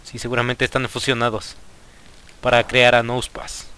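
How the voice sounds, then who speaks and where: Excitable and quick to exclaim at the game, a young Mexican-accented YouTuber chats with viewers through a casual let's play. He speaks smoothly in a mid-range voice at a moderate pace.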